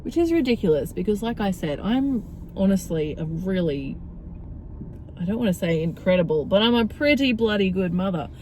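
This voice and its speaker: A woman's voice: mid-range voice, lively intonation, moderate pace, darkish tone, rough recording. A young woman, stressed and tearful, crying as she talks through a weary, rambling, self-deprecating confessional vlog in a car. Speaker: vlogger and mother. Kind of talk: casual confessional vlog rant. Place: inside a car. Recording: car interior with vehicle noise.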